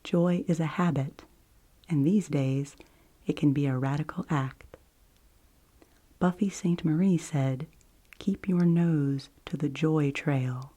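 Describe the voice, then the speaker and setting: A woman giving a whispered ASMR book review and reading in a soft library whisper, gentle and deliberate, with long pauses. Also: deep voice. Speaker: ASMR host.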